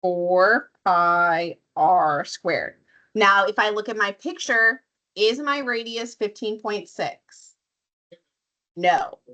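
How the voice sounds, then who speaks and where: Losing her voice from illness, a woman teaches a math class, breaking problems into steps and questioning students along the way. She has a medium-pitched voice that sounds pushed and bright.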